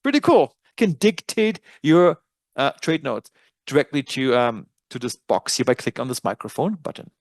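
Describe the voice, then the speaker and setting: German-accented man demoing trading software. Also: mid-range voice, sing-song, normal speed, no room sound. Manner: casual, self-correcting, occasional laughs. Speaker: webinar presenter. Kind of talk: software tutorial walkthrough.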